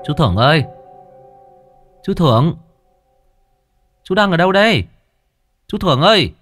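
A man's voice: on the high side, very animated, normal speed, soft background music, voice pushed up. Urgent young hero, read by a man, raised voice, in a horror audiobook. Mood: calling out. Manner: loud urgent calling.

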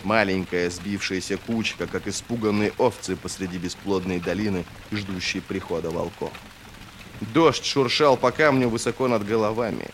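A man narrating a fantasy novel as an audiobook in a steady, expressive reading. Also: on the low side, normal speed, slight background noise.

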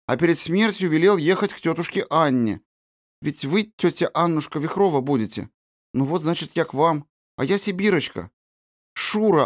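A man's voice: fairly high pitch, no echo, clean studio sound, pitched above the performer's own voice, natural voice. A man voicing a shy little orphan girl. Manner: timid and pleading.

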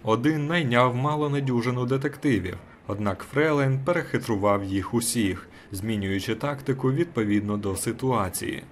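A man's voice: medium pitch, moderate pace, few pauses, a little hiss or hum. Man narrating an audiobook.

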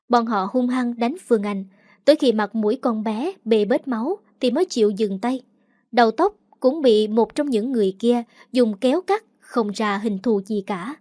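A woman's voice: a little high, mellow, no room sound, studio quality. A woman narrating a dramatic first-person story in an emotional storytelling way.

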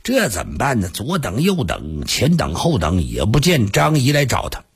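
A male storyteller performs a traditional tale in a radio studio, dramatic and full of asides to the audience. His voice is husky, and his pitch swoops up and down constantly. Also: normal speed. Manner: lively, dramatic, with asides to listeners.

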